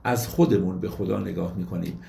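A man giving a lecture on classical poetry, reciting verses slowly and then explaining them in plain everyday speech. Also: low voice, vocal fry, warm tone, roomy sound.

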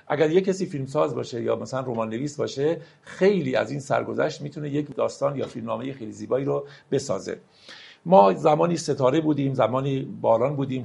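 Gravelly man teaching poetry. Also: medium pitch, darkish tone. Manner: reads verses slowly and drawn out, explains in quick asides. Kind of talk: lecture with slow poetry recitation.

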